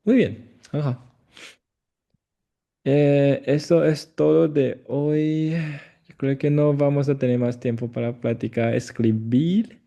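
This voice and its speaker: Slow, gravelly-voiced male Chinese tutor. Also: medium pitch, steady tone. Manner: slow, repeats phrases, gentle corrections. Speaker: Chinese teacher. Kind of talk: patient one-on-one language lesson.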